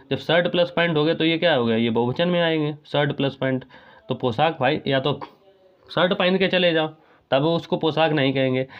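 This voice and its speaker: A man teaching a grammar class, repeating each key phrase as he walks through corrections. His voice sits at an ordinary middle pitch, and the recording sounds a little dull and lo-fi. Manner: repeats key phrases, addresses students as friends. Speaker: Hindi teacher. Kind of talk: exam prep grammar lesson.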